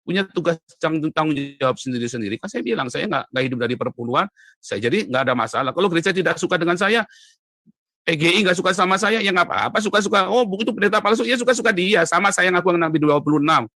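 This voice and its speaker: Male interview guest, emphatic storyteller, bright tone, dry close sound. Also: a little high, lively intonation, quick pace, dry recording. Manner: emphatic storytelling, voice rising sharply when stirred. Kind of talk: conversational interview.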